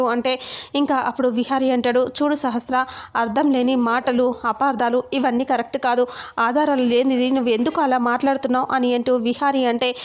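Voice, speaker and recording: A woman retelling a television serial episode, quoting the characters' lines as she goes. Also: high voice. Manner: brisk retelling with quoted dialogue.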